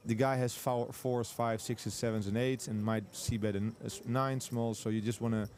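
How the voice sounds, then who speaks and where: A man giving live poker commentary, walking through bet sizing and hand ranges. He sounds analytical, and he often restarts sentences and stacks up quick yeahs. His voice sits at an ordinary middle pitch. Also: steady tone, a little mellow. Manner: analytical, explains hand strategy with frequent restarts and repeated yeahs.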